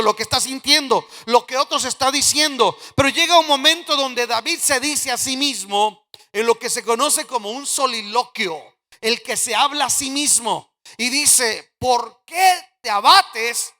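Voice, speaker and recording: A man preaching a sermon as pastor, swinging from loud emphatic declarations to quiet, low asides. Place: church sanctuary. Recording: church hall with long reverb.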